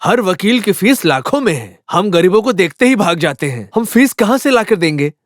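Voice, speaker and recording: Brief: a plaintive, worried poor man in a film dub, high pitched. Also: very animated, moderate pace, dry recording, studio quality.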